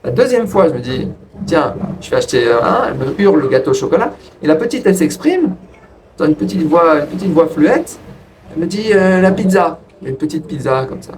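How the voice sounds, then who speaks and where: Rambling man telling a story, far from mic. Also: fairly quick. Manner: rambling, restarts, lively pitch jumps. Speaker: vlogger telling a personal story. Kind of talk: casual storytelling to camera. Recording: distant from the mic with faint ambient noise.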